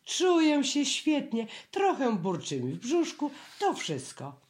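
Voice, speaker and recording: A storybook reader voicing a gentle, simple-minded teddy bear who talks innocently and earnestly. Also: high-pitched, huge pitch swings, takes it slowly, voice pushed up, exaggerated voice. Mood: indignant.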